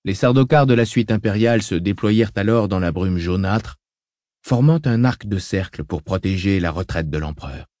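Male audiobook narrator, measured and dramatic, lowish voice, dry close sound. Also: a little mellow, no echo.

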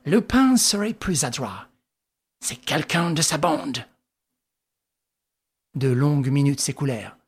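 A woman reading a classic adventure novel aloud as scripted narration, telling it dramatically with lively rises. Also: low-pitched, slow pace, pauses often, slightly rough. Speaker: audiobook reader.

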